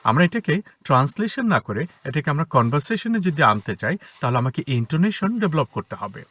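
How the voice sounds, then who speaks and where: A man with a Bengali accent teaches spoken English to children, his pitch moving in a lively way as he explains step by step. His voice is bright with a slight huskiness. The sound is dry and close, recorded inside a parked car. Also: slightly rough, dry recording. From Bangladesh. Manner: explanatory, repeats example words slowly. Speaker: English teacher, academy founder.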